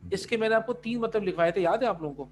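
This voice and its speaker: High-voiced male language teacher. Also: slight background noise. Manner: mixes Urdu and English, keeps checking understanding. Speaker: Arabic teacher. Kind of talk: online class explanation.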